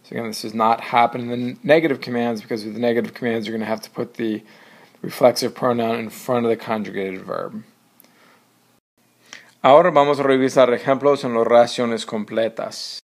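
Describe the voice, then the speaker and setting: Man explaining grammar step by step. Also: mid-range voice. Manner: explains step by step, says "so" and "right" a lot, slows down on example words. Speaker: Spanish teacher. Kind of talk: recorded grammar lesson, mixing English and Spanish.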